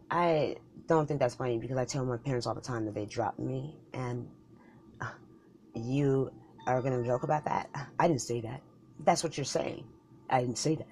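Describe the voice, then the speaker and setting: A woman's voice: a bass voice, normal speed, a little mellow, a little hiss or hum. A woman performing a comedic argument skit, bickering in a heated, profane back-and-forth.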